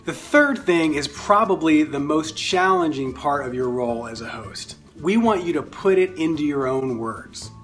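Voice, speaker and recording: A man with a slightly higher voice talks through instructions in a casual, friendly way. He hesitates often with fillers as he explains each step. Soft music plays faintly behind him. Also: normal speed, hardly any pauses. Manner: friendly, relaxed, filler-heavy. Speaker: ministry staff instructor.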